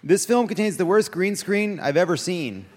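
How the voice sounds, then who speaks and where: A man's voice: high voice, expressive, normal speed, a little hiss or hum. A man hosting a live comedy podcast on a theater stage, running a quiz game with a wry, teasing manner. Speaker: host. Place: large theater stage before an audience. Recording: live theater with long reverb.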